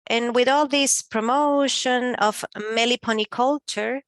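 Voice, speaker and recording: A woman giving simultaneous interpretation of a panel discussion, speaking haltingly with pauses and filler sounds. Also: a little high, fairly even intonation, a bit bright, dry recording.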